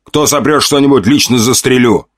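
A man voicing a gruff male army commander in an audiobook, barking orders. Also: medium pitch, moderate pace, dry recording, clean studio sound, pitched above the performer's own voice, natural voice.

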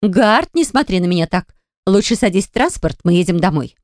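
A woman's voice: very animated, moderate pace, darkish tone, dry recording, studio quality. A woman reading an audiobook and voicing a haughty, hysterical dragon woman who snarls and shrieks at her brother's mate. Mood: hysterical fury. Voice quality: shrill, hissing and snarling.

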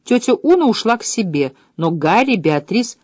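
A woman's voice: mid-range voice, sing-song, normal speed, darkish tone, dry recording, studio quality. Woman narrating a mystery audiobook. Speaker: audiobook reader. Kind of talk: scripted narration.

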